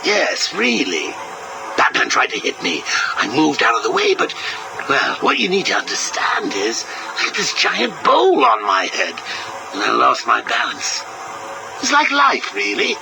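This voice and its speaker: An actor playing a manic, mocking villain clown, heard played back from an old interview tape. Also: male voice, a little high, huge pitch swings, unhurried, creaky, over music, exaggerated voice, rough recording. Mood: sardonic. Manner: sarcastic, sing-song, cackling. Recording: hissy cassette tape recording.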